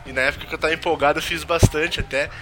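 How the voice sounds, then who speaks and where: A young man with a Brazilian accent, joking and swearing loudly in a casual podcast chat. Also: a little high, steady tone, rapid-fire, soft background music. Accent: Brazilian Portuguese. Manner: swears a lot, jokey, loud outbursts. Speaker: podcast co-host, game reviewer.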